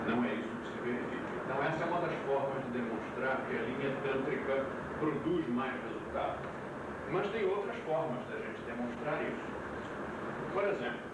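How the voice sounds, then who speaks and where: A man giving a classroom lecture, quizzing his students, heard from an old VHS tape recording. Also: mid-range voice. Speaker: yoga teacher. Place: lecture room. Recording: hissy old VHS tape, far mic, echoey room.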